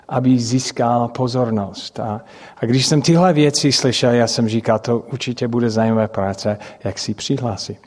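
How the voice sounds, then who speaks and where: A middle-aged man, a native English speaker speaking with an English-speaking accent, preaches through personal stories, haltingly searching for words and making grammatical slips. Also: mid-range voice, darkish tone. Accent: English-speaking accent in Czech. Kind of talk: sermon with personal storytelling. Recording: long hall reverb.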